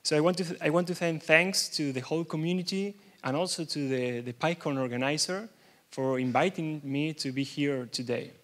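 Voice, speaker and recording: A young Argentine man, a native Spanish speaker with an Argentine accent, gives a conference keynote in a large hall. His voice is fairly high, and he sounds nervous and halting, restarting often.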